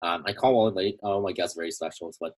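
Husky low-voiced podcast host. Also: male voice, a little mellow. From Canada. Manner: reads intro slowly, then chats with fillers and trailing-off endings. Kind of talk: casual podcast interview.

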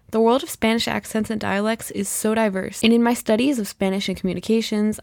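A woman's voice: medium pitch, gravelly, a little mellow, no room sound, clean studio sound. A young woman hosting a podcast, chatty and enthusiastic as she explains. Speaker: podcast host.

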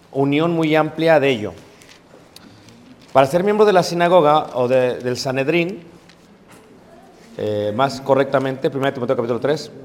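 A man preaching a conversational Bible class, informal, with many fillers and check-ins to the audience. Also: mid-range voice. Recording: long reverb of a large room.

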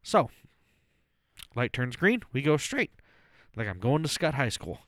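A man's voice: mid-range voice, big pitch swings, measured pace, fairly bright tone, dry recording, clean studio sound. A man in his thirties telling a story as a podcast co-host, casual and full of profanity. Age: 30s. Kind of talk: casual chat.

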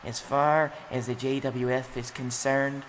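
Actor as a bitter young wrestler, slow sneering rant, faint noise under it. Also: male voice, mid-range voice, level tone, lightly acted. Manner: ranting, shouting and sneering. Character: bitter young male wrestler, furious at his father.

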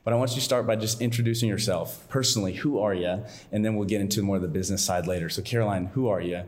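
A man's voice: lowish voice, quick pace. A young man hosting a podcast from a studio, upbeat and playful, often laughing. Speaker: podcast host. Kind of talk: casual podcast chat.

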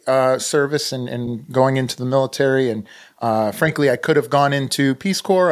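A man from the United States speaking as an interview guest, reflective and conversational, with halting, thoughtful phrasing. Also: mid-range voice. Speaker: podcast guest, entrepreneur.

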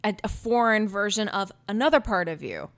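A young woman co-hosting a relaxed podcast chat. She rambles and digresses, often stopping to ask if her point makes sense. Her voice sits at an ordinary middle pitch. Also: brisk. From Canada. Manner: chatty, digressive, often checks for agreement. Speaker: podcast co-host. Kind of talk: casual chat.

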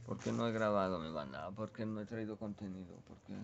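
A man's voice: fairly low pitch, fairly quick, creaky, dull audio, a little hiss or hum. A young man with a Mexican accent, rambling laid-back and full of slang in a casual chat from his bedroom. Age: young adult. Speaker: vlogger.

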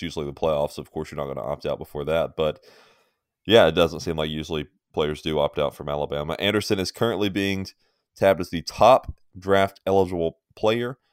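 A man's voice: extremely low pitch, clear, resonant tone, dry recording, clean studio sound. A man co-hosting a sports podcast in a casual, opinionated way, often laughing. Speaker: podcast co-host.

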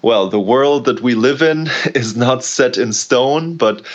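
A man's voice: mid-range voice, takes it slowly. A man in his thirties, originally from the United States, who talks reflectively in a casual conversation and hedges often with "like" and "you know". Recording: slightly dull, lo-fi audio.

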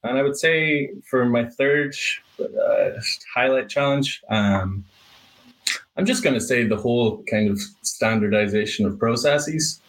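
The speaker is a young adult man from Ireland, a painting business owner being interviewed on a podcast. He answers thoughtfully at a measured pace, with a medium-pitched Irish-accented voice and lots of fillers and restarts, on a low-quality recording.

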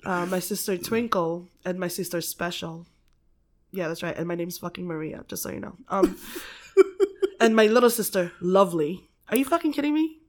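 A woman from the Philippines talks in an easy, unscripted way, her voice sitting a little low. She laughs between thoughts, swears without fuss and leans on um and like as she goes. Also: lively intonation, moderate pace. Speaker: podcast guest. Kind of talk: casual chat.

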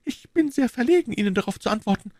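Male narrator's young lady voice for an audiobook: high, quick, breathless when frightened, close dry mic. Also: animated, a little mellow, no room sound. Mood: earnest. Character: young Parisian woman, clever, secretive, easily alarmed. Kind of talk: audiobook reading with character voices.

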